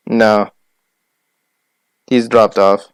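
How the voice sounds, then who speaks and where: A young man co-hosting a casual sports podcast, listing names quickly and arguing his picks. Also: lowish voice, little pitch movement, clear, resonant tone, dry recording. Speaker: podcast co-host.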